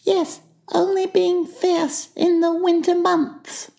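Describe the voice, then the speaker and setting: A little piglet with a very high voice, anxious and hesitant. He sounds timid and worried, like a small creature in a children's storybook. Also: level tone, slow pace, gravelly, mellow, heavily acted. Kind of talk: dramatized storybook audiobook.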